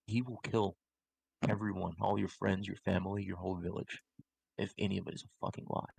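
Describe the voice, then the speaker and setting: A man's voice: sits low, flat delivery, fairly quick, vocal fry, a little mellow, breathy edge, exaggerated voice. A man playing a ruthless adventurer. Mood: menacing. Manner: menacing, mocking threats. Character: ruthless male adventurer interrogating a prisoner.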